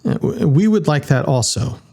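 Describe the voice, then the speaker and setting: A man's voice: on the high side, expressive, moderate pace, mellow, voice pushed up. A man voicing a young punk canine man who stumbles and hesitates over his words. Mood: flustered.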